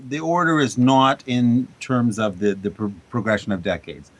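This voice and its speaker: Middle-aged mother explaining calmly. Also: very deep voice, normal speed. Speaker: guest's mother. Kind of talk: casual live radio chat.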